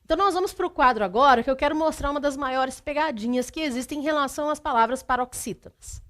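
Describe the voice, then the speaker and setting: A woman with a high, bright voice teaches a grammar lesson for exam prep. She talks straight to the student, lists the rules in a steady, methodical way and often stops to make sure they follow. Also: quick pace. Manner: methodical, repeats rules, checks in with "tá?".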